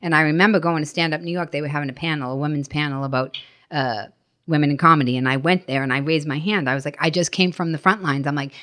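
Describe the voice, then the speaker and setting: Her voice sits low with a slightly bright edge as this middle-aged comedian, a podcast guest, delivers animated anecdotes. She swears without restraint, speaks bluntly and emphatically, and acts out what people said.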